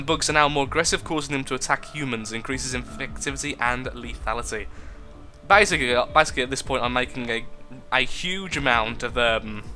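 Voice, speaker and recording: A man's voice: medium pitch, sharp tone. A young man chatting through a game in a casual, jokey way, reading the on-screen text aloud. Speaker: gaming video host. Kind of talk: casual gameplay commentary.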